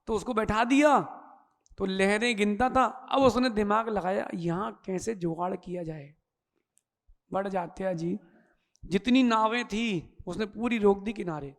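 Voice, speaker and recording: A man with a high voice delivers a sermon in a hall that rings with long reverb. He tells folksy stories in a lively way, acting out each character as he goes. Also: unhurried. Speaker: Jain monk giving a discourse. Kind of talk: sermon with storytelling.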